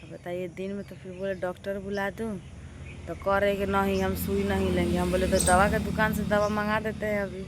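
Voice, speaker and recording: A young village woman, chatting to her viewers in a casual vlog. She sounds fed up and complains at length in a mid-range voice. Birds, animals and passing vehicles come through clearly in the open air behind her. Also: medium pitch, little pitch movement, normal speed, very noisy. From Bihar, India. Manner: exasperated, complaining, addresses viewers directly. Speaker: vlogger. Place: doorway of a village house, outdoors.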